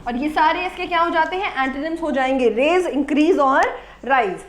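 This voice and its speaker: A woman's voice: high voice, moderate pace, roomy sound, slight background noise. A woman teacher explaining English vocabulary to students. She asks questions and answers them herself, mixes English words into her explanations, and checks in with "Got it?". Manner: repeats "Got it?" to check understanding. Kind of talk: vocabulary lesson.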